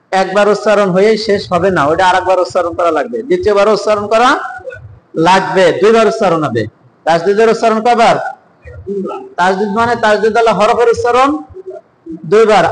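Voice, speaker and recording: A man teaching Quran reading to a class, asking questions and drilling sounds slowly for the students to repeat. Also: high voice, in a large hall, poor audio. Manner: asks the class questions and answers them.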